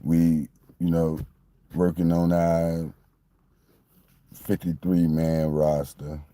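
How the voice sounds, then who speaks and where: A Miami man in his late forties, a sports fan commentator, talks about his football team in a low, warm voice with little pitch movement, taking it slowly. His casual sports talk monologue is conversational, meandering and repetitive. The audio is studio quality with no room sound.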